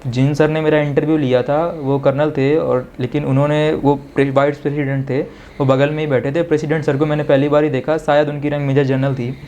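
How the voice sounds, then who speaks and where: A man's voice: a little high, a little fast, few pauses, slight background noise. A young man in an interview, casually recounting his own experience and switching between Hindi and English while often calling the listener "sir". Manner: animated retelling that mixes Hindi with English phrases; keeps addressing the listener as "sir". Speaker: interviewee, successful defence exam candidate.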